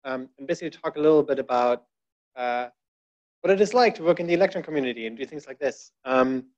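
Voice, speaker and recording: Dull, lo-fi room audio captures a man in a dark presentation room delivering a chatty talk at a tech meetup from a podium, with frequent fillers and wry asides. His mid-range, slightly mellow voice moves fast with lively intonation.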